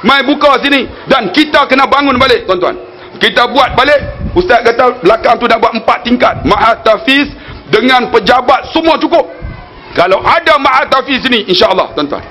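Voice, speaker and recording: A man's voice: very high voice, expressive, moderate pace, sharp tone. A man in his forties with a northern Malaysian Malay accent, giving a religious lecture as a storytelling preacher who keeps addressing the audience and slips in jokey asides. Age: 40s.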